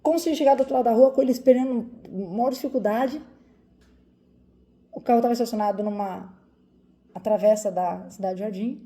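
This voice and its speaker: A woman's voice: on the high side, mellow. A woman from Brazil in her forties, a doctor, telling viewers a personal story in an emotional, vivid way with lots of repetition.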